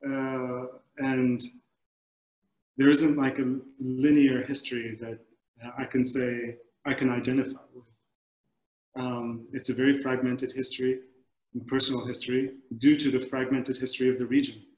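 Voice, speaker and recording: Joining a video panel as a guest, a Kuwait-born Middle Eastern film director in his forties answers thoughtfully, pausing haltingly while he hunts for words. His voice is average in pitch, a little mellow, with little pitch movement. He's on a computer mic from an echoey, book-lined room at home, with slight background noise.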